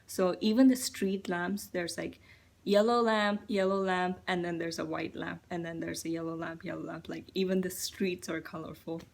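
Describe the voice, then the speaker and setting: Low, gravelly young woman from India musing. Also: fairly even intonation, moderate pace. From Chennai, India. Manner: musing, hesitant, full of fillers. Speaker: vlogger. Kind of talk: reflective personal monologue.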